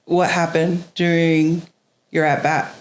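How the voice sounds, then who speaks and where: A woman's voice: deep voice, flat delivery, slow pace, reverberant. Woman host asking probing questions. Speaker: podcast host. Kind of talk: interviewing young players.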